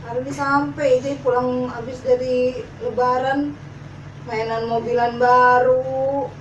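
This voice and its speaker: A woman's voice: sits high, level tone, a little slow, lo-fi sound. A mother chatting sympathetically to her family, sighing often. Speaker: mother filming a family prank. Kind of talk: casual family chat. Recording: echoey room, distant mic, background noise.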